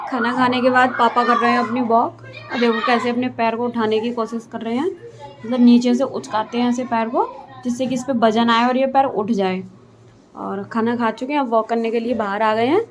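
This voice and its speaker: A young woman vlogs her day at home and chats to viewers as she explains each chore. Her voice sits a little high. The phone recording carries clear household noise behind her. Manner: chatty, explains her daily routine to viewers. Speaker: family vlogger. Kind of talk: casual home vlog narration. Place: family home, indoors and yard.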